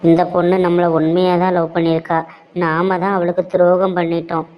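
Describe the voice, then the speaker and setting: A wavering young cartoon man with a Tirunelveli Tamil accent, voiced by a woman, torn between guilt and scheming. The voice sits low and moves in a flat, narrow line. The sound is dull and lo-fi. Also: fairly quick, clear, resonant tone, natural voice. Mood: guilty musing. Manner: pleading, theatrical. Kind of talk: cartoon voice acting.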